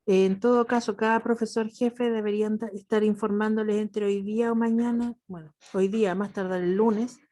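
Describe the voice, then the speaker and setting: A woman's voice: mid-range voice, steady tone, normal speed, hardly any pauses, warm tone. Patient Chilean woman teaching math. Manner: patient, affectionate with students. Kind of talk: online class lecture.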